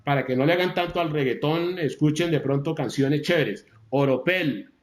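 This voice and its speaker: A man giving a motivational talk, emphatic, repeating key phrases and slowing down to stress them. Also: a little high, roomy sound. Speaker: motivational speaker.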